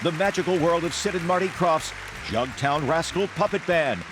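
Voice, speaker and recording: A man announcing a variety show in a bright, showy event-host manner. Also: on the high side, normal speed, background noise. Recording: loud music and crowd behind.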